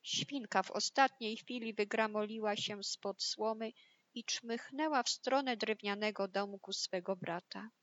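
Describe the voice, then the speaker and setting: A woman reads a children's fairy tale aloud in a calm, unhurried voice. She takes her time over each phrase. The recording has a dull, muffled sound. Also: medium pitch. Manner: calm, measured storytelling. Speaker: narrator. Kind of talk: storybook reading.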